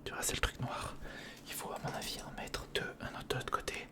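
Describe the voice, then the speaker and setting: A man making ASMR videos whispers a little fast into a close, sensitive recorder mic, his voice breathy and unvoiced. Casual and reassuring, he leads the listener through a hands-on build one step at a time.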